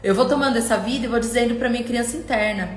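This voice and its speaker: Passionate woman coach, high voice. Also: rapid-fire, echoey room, slight background noise. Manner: passionate, speaks straight to viewers, quotes them in acted voices. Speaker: coach hosting a live stream. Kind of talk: emotional live coaching talk.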